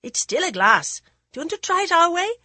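A woman's voice: extremely high pitch, big pitch swings, a little fast, bright, forceful tone, no echo, pitched above the performer's own voice, exaggerated voice. A woman narrator voicing a bold ten-year-old village boy in a storybook. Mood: teasing.

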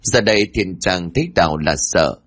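A man narrating a dramatic family story in an expressive reading. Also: sits low, normal speed.

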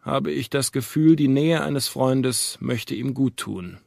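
Ein Mann spielt einen besorgten, drängenden Anwalt. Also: male voice, medium pitch, slow, gravelly, a little mellow, dry recording, clean studio sound. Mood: earnest. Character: earnest, worried male lawyer, middle-aged.

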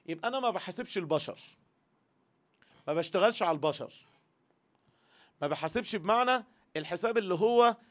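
Egyptian male religious teacher, high-pitched, earnest, voices the listeners' thoughts as his own. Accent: Egyptian Arabic. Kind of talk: religious lesson to women.

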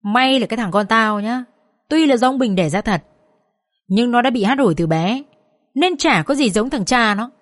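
A woman voicing a furious, scheming middle-aged mother-in-law who scolds and curses in a shrill voice. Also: animated, moderate pace, no room sound, clean studio sound, close to an everyday voice. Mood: scornful.

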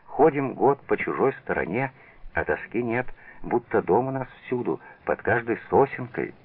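A man's voice: medium pitch, lively intonation, moderate pace, breathy edge, pitched above the performer's own voice. A man voicing an earnest young settler. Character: gentle young male peasant settler. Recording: tinny old radio broadcast.

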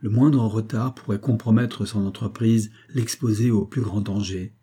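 Low husky guy reading an old tale out loud, steady and calm. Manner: measured, storytelling. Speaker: narrator. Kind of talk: audiobook narration.

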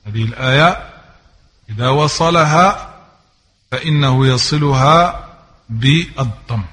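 A man's voice: mid-range voice, a bit bright, big-room sound. A man teaching Quran recitation rules, repeating each example word several times and sometimes chanting verses.

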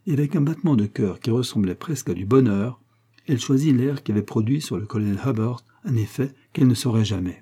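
A man reading a classic novel aloud in measured scripted narration. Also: mid-range voice, mellow, breathy edge. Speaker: audiobook reader.

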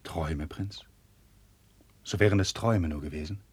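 A grave, deep-voiced noble friend. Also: male voice, slightly rough, dry recording. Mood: troubled. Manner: measured, solemn verse delivery. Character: loyal noble friend of the prince, earnest and grave. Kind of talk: 1950s radio drama acting.

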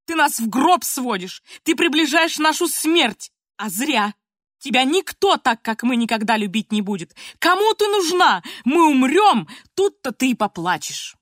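A woman voicing a shrill old grandmother who screams and scolds in a high, loud voice. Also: big pitch swings, measured pace, dry recording, studio quality, heavily acted. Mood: shrill scolding. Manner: shrieking, hysterical scolding.

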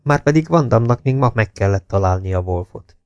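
A man reading a novel aloud as an audiobook narrator, in steady, even storytelling. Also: medium pitch, clean tone, no room sound, highs cut off. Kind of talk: scripted narration. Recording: dry close studio voice.

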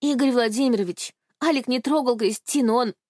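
A woman voicing a desperate teenage girl, pleading and shouting in defense of a friend. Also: on the high side, a little fast, no room sound, clean studio sound, pitched above the performer's own voice, lightly acted.

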